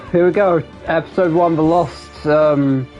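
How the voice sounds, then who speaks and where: A man's voice: fairly high pitch, steady tone, slow pace, darkish tone, soft background music. A man streaming a game live, chatting in a rambling, giggly way that keeps interrupting itself. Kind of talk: live gameplay commentary.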